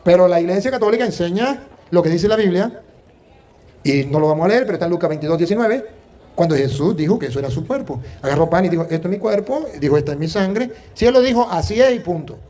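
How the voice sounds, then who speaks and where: Fast-talking priest, high-pitched. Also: male voice. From Venezuela. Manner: animated, emphatic, tells anecdotes with quoted dialogue. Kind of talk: preaching and storytelling.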